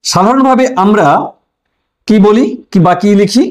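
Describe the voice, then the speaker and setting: A man's voice: high-pitched, normal speed. A male teacher explaining a language lesson. He asks questions and then answers them himself, stresses key words and addresses the viewers as friends.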